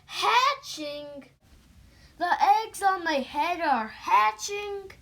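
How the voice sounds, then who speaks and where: A child acts out an anxious, easily upset elephant from a storybook. The voice is high and very slow, fretful and exclamatory, as in a picture book read aloud. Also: animated, creaky, sharp tone, a little hiss or hum, full character voice. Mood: dismayed.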